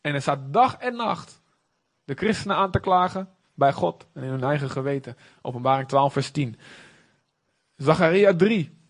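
A man's voice: fairly high pitch, animated, normal speed. A man preaching a sermon in an earnest, conversational way, with emphatic moments.

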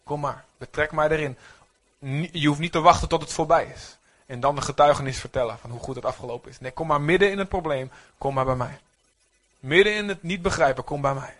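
A man preaching a sermon to a congregation, animated and calling for amens. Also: fairly high pitch, brisk. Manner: animated, rising to near-shouts when voicing prayers; speaks to the congregation, asks for amens. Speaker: pastor.

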